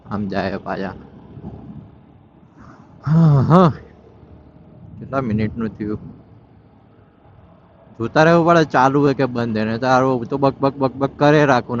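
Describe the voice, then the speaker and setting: A man giving casual running commentary while riding through city traffic, scolding wrong-side drivers and slipping into Hindi phrases. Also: medium pitch. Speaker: vlogger riding a motorbike. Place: on a motorbike in city traffic outdoors. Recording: dull lo-fi audio with faint traffic noise.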